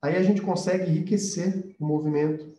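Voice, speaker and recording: His voice a little high and warm, with fairly even intonation and a slightly fast pace, a Brazilian Portuguese-accented animation instructor runs a relaxed live-stream class. He explains with emphasis, restating points. Echo from the room and a slightly dull tone color the recording.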